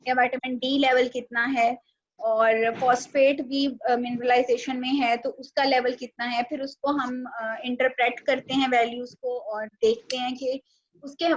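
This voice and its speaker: A woman teaching a nutrition class online, explaining patiently step by step with small pauses. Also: high-pitched. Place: home video call. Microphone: laptop or phone mic on a video call. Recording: dull, lo-fi video call audio with faint noise.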